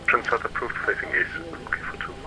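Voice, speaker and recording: A man speaking as a pilot over a headset radio, giving halting readbacks and requests to air traffic control. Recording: noisy radio with engine rumble.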